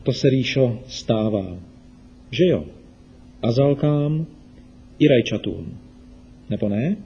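A man voicing a patient, gentle mother in a children's radio story. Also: medium pitch, animated, breathy edge, highs cut off.

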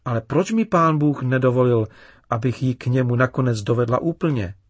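A man voicing an upset young girl in a children's story, read with gentle emphasis. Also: medium pitch, animated, dry recording, close to an everyday voice. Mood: pleading.

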